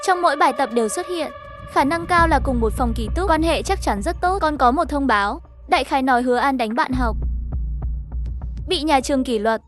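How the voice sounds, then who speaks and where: Reading a scripted animated horror recap, a woman voices the narrator and all the characters on her own. Her high-pitched delivery is animated and fairly quick, with faint music in the background.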